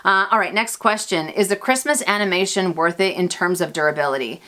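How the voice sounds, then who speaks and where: A woman's voice: fairly low pitch, brisk, pushed and bright. A woman host answering viewer questions in a casual vlog, chatty and self-mocking, with playful asides to her audience. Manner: chatty, self-deprecating, restarts and fillers, laughs often.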